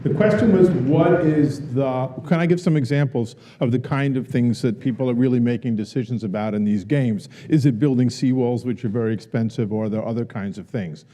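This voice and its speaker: A male professor gives an earnest symposium lecture with audience Q&A in a university auditorium, repeating questions for the crowd. His deep, mellow voice moves fairly quickly with few pauses, and the large hall adds long reverb.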